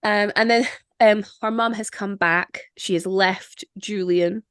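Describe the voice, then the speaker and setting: Lively woman retelling a film, dry sound. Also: mid-range voice, measured pace, clear, resonant tone, no room sound. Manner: animated storytelling, acting out film characters, laughing often. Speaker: podcast host. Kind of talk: casual chat.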